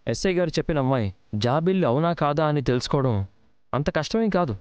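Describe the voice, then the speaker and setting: An actor playing a calm, authoritative family elder who reassures and reasons, in a TV serial. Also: male voice, on the high side, fast talker, smooth, natural voice. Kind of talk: TV serial acting.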